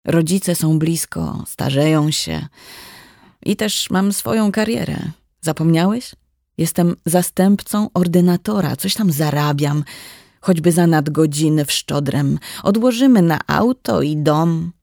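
A narrator voicing a married woman doctor close to forty, who speaks calmly and firmly to her husband. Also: mid-range voice, a little slow, vocal fry, no room sound. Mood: firm, earnest. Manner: calm, then firm and warning. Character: woman doctor nearing forty, steady wife.

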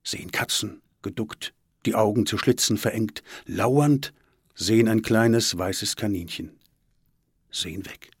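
A man reading a story aloud in an expressive audiobook style. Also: fairly low pitch, a little slow, breathy edge, no room sound, studio quality. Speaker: narrator.

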